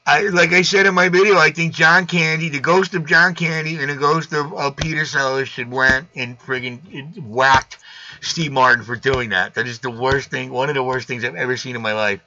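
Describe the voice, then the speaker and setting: A man's voice: medium pitch, fairly even intonation, normal speed, pushed and bright. A man hosting a live stream in casual chat, blunt and wisecracking. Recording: dull lo-fi sound.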